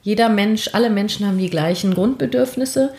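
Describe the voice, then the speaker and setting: A woman's voice: mid-range voice, brisk, reverberant. A woman coaching a young mother on nonviolent communication, often checking in with a short "ja?". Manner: warm encouraging coaching, many "ja?" checks. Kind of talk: advice conversation.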